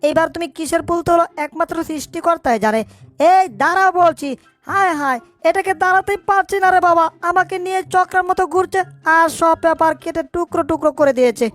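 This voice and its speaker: A woman's voice: very high voice, fast, fairly bright tone, soft background music. A woman voicing a busy, bossy little male mouse in a cartoon dub, who scolds and talks to himself. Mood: scolding. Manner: chatty, scolding, thinking aloud. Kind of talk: fan cartoon dubbing.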